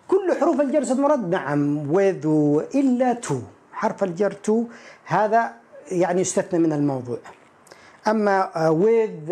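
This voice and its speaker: A man teaching an English grammar lesson. He reads each English example slowly and translates it, then raises students' likely questions and answers them himself. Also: high voice, a little mellow.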